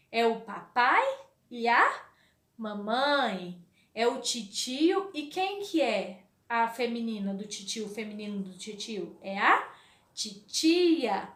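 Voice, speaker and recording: In an echoey room, a woman with a Brazilian Portuguese accent gives a literacy lesson to young children, her fairly high, fairly bright voice full of lively intonation. The primary school teacher speaks slowly and sing-song, stretching out her words, and supplies the answers to the questions she asks.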